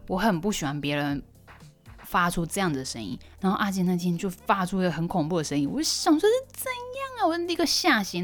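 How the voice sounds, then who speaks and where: Expressive young woman podcasting. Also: low-pitched. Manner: expressive storyteller, voice jumping up when surprised. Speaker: podcast host. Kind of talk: casual solo podcast chat.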